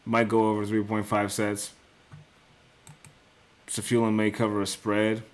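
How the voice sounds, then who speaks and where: A man's voice: fairly low pitch, monotone, measured pace. A young man hosting a casual solo talk on sports picks, thinking aloud, correcting himself and swearing now and then. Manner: casual, swears, says bro and dude. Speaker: sports betting picks host.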